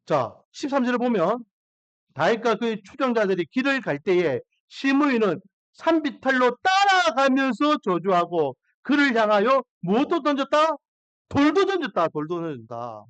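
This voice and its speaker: A male pastor delivers a sermon with a lively, rising and falling voice. He asks his listeners questions and briefly acts out the voices of Bible figures. The sound is dry and close to the mic. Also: very high-pitched, dry recording. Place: church sanctuary.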